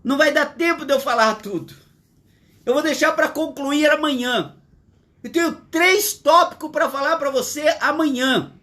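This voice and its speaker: Brazilian pastor, man in his sixties, notably high voice, emphatic and repetitive live sermon from home. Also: moderate pace, pushed and bright. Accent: Brazilian Portuguese. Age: 60s. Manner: earnest, repetitive, emphatic preaching. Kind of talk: livestreamed sermon.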